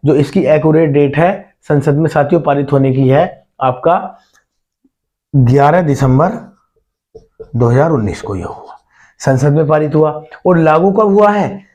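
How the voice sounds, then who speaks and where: A man's voice: fairly high pitch, a little mellow. A man giving an exam-prep lesson, asking the listeners questions and repeating key points, calling them brother and friends. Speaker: teacher.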